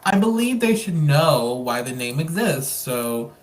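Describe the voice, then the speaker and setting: Excitable host gushing over a guest. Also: mid-range voice, measured pace. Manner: excitable, lots of filler "like" and "um". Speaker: host, interviewer. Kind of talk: casual interview chat.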